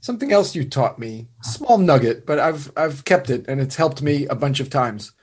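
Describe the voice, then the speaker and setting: A man hosting a nonprofit radio show, chatting with a guest in an animated way and tossing in quick mocking asides. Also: medium pitch, breathy edge. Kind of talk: casual interview conversation.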